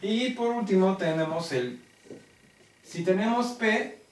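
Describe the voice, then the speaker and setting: A man with a Mexican accent teaching a logic class, talking deliberately and constantly checking that students follow. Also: sits high. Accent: Mexican Spanish. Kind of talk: classroom lecture. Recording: roomy classroom, mic far off.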